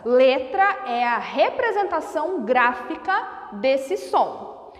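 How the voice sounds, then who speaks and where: High-voiced woman teacher, slow and deliberate. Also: sing-song. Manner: slow, deliberate over-enunciation of sounds. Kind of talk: whiteboard phonetics lesson. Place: classroom with a whiteboard. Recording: echoey room with long reverb.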